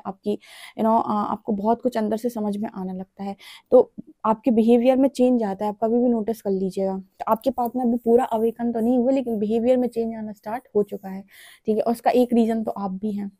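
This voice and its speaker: Woman doing a tarot reading, kinda high voice but mellow, chatty, keeps asking "ok?", dry close mic. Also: no room sound. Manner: chatty, repeats "theek hai?" as a check-in. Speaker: tarot reader. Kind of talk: casual spoken tarot reading.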